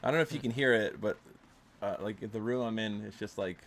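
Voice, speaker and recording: Loud rain falls outside the home room where this man hosts his casual chat podcast into a desktop microphone. His voice is on the low side and fairly quick, congested from allergies, and his talk is loose and heavy with fillers.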